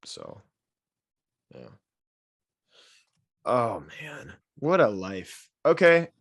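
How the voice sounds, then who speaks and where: A man's voice: lowish voice, huge pitch swings, extremely slow, gravelly, dry recording, studio quality. A man co-hosting a casual podcast, reading a listener's email aloud and breaking in with sarcastic asides. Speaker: podcast co-host.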